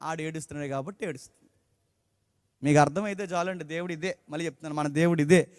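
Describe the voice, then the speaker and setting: A man's voice: a little high, fairly even intonation, quick pace, dry recording, in a large hall. A man preaching a sermon emphatically, often putting questions to the congregation. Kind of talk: Telugu sermon.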